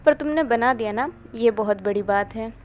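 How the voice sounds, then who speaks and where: A woman voicing a kind, patient mother who teaches cooking, speaking gently and softly scolding. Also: a little high, normal speed, pitched below the performer's own voice, close to an everyday voice. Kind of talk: storybook voice reading.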